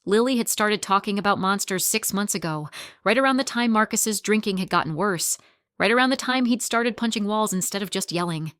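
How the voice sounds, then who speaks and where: Woman narrator, scripted story, measured delivery, mid pitch, dry close sound. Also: expressive, fairly bright tone, no echo.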